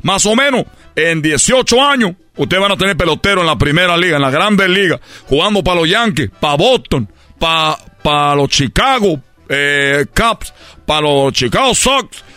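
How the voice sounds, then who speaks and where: In a comedic radio sketch, a man plays a boastful Cuban baseball player with a Cuban accent, rambling and tripping over his words. His voice is a little high and sharp with lively intonation and a moderate pace, recorded with no room sound and faint music behind.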